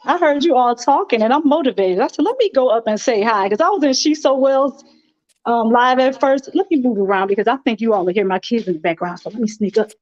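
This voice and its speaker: High-voiced woman on dull, lo-fi call audio. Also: quick pace, a little mellow. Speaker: guest joining livestream. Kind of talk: casual chat.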